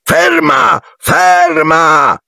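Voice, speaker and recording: A man voicing an anxious teenage boy wizard who panics and shouts under strain. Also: medium pitch, sing-song, a little fast, vocal fry, slightly rough, dry recording, clean studio sound, voice pushed up, exaggerated voice. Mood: panicked.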